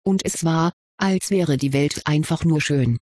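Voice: mid-range voice, a little slow, a little mellow, no echo, clean studio sound, close to an everyday voice. A reader voicing an earnest young schoolgirl witch in an audiobook reading.

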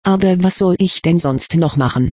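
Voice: mid-range voice, moderate pace, warm tone, breathy edge, no echo, studio quality, natural voice. A reader voicing an awkward, blunt teenage wizard boy who speaks plainly and asks puzzled questions in an audiobook. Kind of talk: audiobook reading.

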